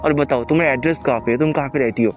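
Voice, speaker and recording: A man voicing a cocky, blunt young male hero who talks roughly and sarcastically. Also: mid-range voice, racing, soft background music, lightly acted. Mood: casual. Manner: rough, teasing, exasperated.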